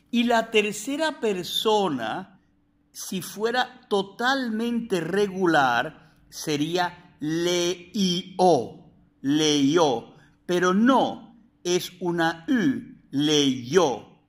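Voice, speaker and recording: A man teaching a recorded video lesson, slowly repeating and spelling out verb forms for his students. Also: fairly high pitch, a bit bright. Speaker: Spanish teacher.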